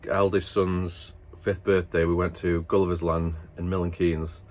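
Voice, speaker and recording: Very deep-voiced man, rambling. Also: flat delivery, moderate pace, darkish tone. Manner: rambling, stop-start, breaks into laughter. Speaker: father telling a family story. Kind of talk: casual chat to camera. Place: at work after dinner.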